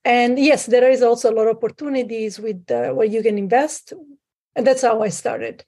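A woman from Sicily, a guest on a call, talking through her past with many pauses and fillers. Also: a little high, steady tone, a little mellow, husky. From Sicily, Italy. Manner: hesitant, many fillers, restarts. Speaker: guest, private lender. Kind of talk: conversational interview. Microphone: remote call.

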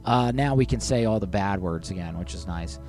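A man's voice: on the low side, moderate pace. A man hosting a livestream, chatting casually to his viewers. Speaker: livestream host. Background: music.

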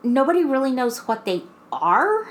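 A woman co-hosting a podcast, telling a creepy story in casual chat with drawn-out, restarting phrases. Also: high-pitched, sing-song. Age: adult mother. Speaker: podcast co-host.

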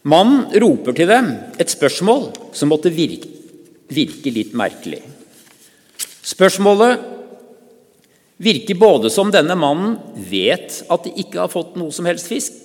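A man with a fairly high voice delivers a sermon, retelling a story calmly and at an even pace. His speech comes with small restarts. The long church reverb hangs after each phrase. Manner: calm, measured storytelling with pauses and small restarts. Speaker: preacher.

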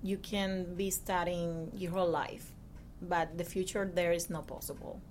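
A woman in her thirties with a Cuban Spanish accent, speaking English as her second language. Her voice sits a little low, and she talks in an earnest, halting way with many restarts. A faint hiss and low rumble sit behind her. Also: little pitch movement, a little mellow. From Cuba. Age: 30s. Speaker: guest. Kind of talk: casual interview.

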